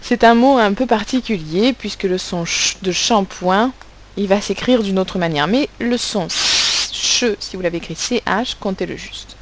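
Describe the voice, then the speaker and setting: A woman teacher giving a recorded phonics lesson to children, articulating sounds and syllables slowly and with care. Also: medium pitch, slight background noise, poor audio. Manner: slow, carefully articulated, stressing sounds and syllables. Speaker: primary school teacher.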